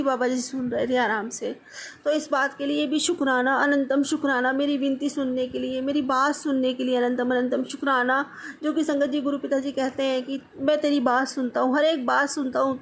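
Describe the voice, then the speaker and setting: A woman's voice: high voice, gravelly, slight background noise. A middle-aged woman telling of her temple visit as a devotional testimony, often calling out to the listeners and repeating her thanks. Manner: repeatedly addresses the listeners as "sangat ji"; repeats words of thanks over and over. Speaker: devotee sharing a satsang experience. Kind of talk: devotional testimony, casual storytelling.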